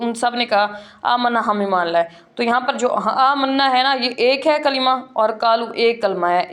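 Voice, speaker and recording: With a voice on the high side, a woman leads an online Quran reading lesson. She explains the rules and then carefully spells out letters and prolonged syllables at a slow pace.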